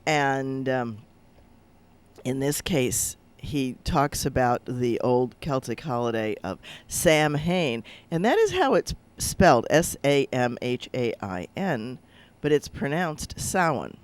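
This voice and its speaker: A man's voice: medium pitch, sing-song, slow, clear, resonant tone. A man, a rabbi, chatting casually on a radio talk show over a video link, rambling and hesitant with lots of fillers.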